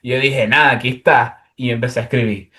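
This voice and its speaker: A man's voice: medium pitch, steady tone, quick pace, sharp tone. A young man from Venezuela, casually and animatedly telling a travel story as a guest, with plenty of fillers.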